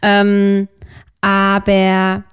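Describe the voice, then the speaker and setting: Candid, excitable woman in casual chat. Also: medium pitch, drawn-out words, clean tone. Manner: candid and excitable, bursts into shrieks. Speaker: podcast co-host.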